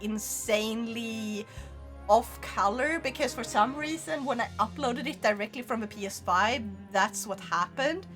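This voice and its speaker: Giggly, high-pitched excitable woman livestreamer. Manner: frequent swearing. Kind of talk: casual livestream chat while gaming.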